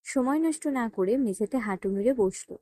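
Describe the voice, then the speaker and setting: A woman narrates an audio story in a steady, even storytelling manner. Her voice is fairly high but mellow, recorded close with a dry sound. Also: normal speed, no echo. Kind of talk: scripted narration.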